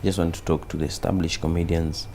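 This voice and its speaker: Deep gravelly Kenyan man. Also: fast, a little hiss or hum. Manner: animated, mixes Swahili, acts out quoted voices. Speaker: comedian guest. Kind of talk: casual interview chat.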